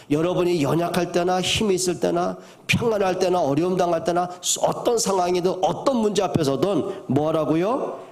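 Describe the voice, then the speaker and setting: An older man, a pastor, preaching a sermon, moving from soft to loud and asking the congregation questions. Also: high-pitched, vocal fry.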